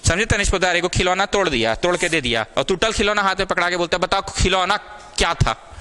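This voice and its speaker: This young maths tutor has a high, expressive voice that sounds pushed and bright, and he talks very fast. Teaching a small class, he mixes Hindi and English and scolds the students with evident care.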